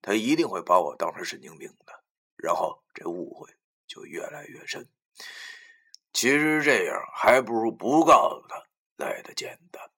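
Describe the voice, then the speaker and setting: A man narrating a first-person novel, often sinking into a breathy whisper. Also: on the low side, expressive, moderate pace, sharp tone. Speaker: audiobook narrator.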